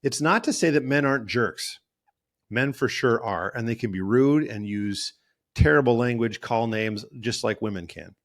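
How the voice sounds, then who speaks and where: A man's voice: medium pitch, normal speed. A male therapist and podcast host talking in a casual, rambling monologue, often correcting himself mid-sentence. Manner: rambling, self-correcting, acts out quoted voices.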